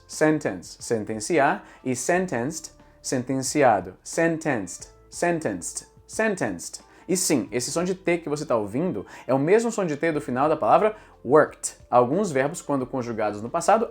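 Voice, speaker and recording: A man with a Brazilian Portuguese accent giving a patient explanation of English usage, working through examples as a YouTube teacher. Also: a little high. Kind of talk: explanatory commentary.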